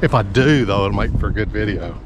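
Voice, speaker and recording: Strolling a hotel parking lot and its slopes, a middle-aged man who does lawn care rambles casually and haltingly for his vlog. His voice is on the low side with lively intonation, recorded by a handheld action camera at arm's length amid traffic noise.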